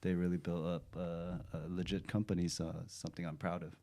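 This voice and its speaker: A man around thirty from Los Angeles, a podcast guest talking in a halting, thoughtful way with many fillers. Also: low voice, little pitch movement, dark tone. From Los Angeles, United States. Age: 30s. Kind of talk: casual podcast chat. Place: studio.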